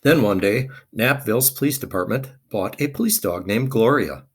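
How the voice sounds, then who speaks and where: A man's voice: on the low side, lively intonation, normal speed, a little hiss or hum. A man reading a children's picture book aloud expressively, with dramatic emphasis.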